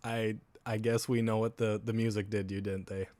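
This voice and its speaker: A man's voice: lowish voice, level tone, normal speed, darkish tone, no echo. A man from Wisconsin with a Wisconsin accent, rambling in casual live-stream chat with viewers, laughing often and swearing casually.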